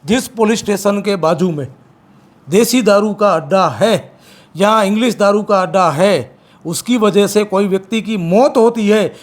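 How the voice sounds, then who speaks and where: A man speaking as an activist in an interview, forceful and repeating his points with emphasis. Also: sits high, unhurried. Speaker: campaign activist. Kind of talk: interview, political criticism.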